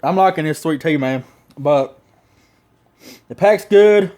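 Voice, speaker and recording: A man's voice: on the high side, slow pace, dark tone. A man with a Southern US accent giving a casual, rambling, slangy review, talking around a lip packed full of dipping tobacco. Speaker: product reviewer.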